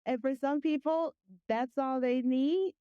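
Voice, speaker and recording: A woman's voice: high voice, steady tone, unhurried, no room sound, muffled recording. A woman hosting a podcast in a casual, chatty way, encouraging and effusive with her praise. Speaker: podcast host.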